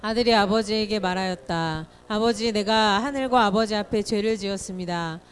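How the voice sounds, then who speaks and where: Woman congregant, scripture reading, even and plain, mid-range voice. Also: mid-range voice, moderate pace.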